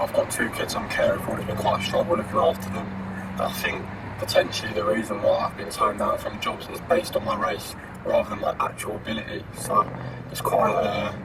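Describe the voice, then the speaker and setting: An anonymous man, answering interview questions hesitantly through a voice distortion that hides who he is. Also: fairly low pitch. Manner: hesitant, halting, repeats himself. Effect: voice distorted to disguise identity. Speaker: anonymous interviewee, estate resident. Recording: distant mic, loud background noise.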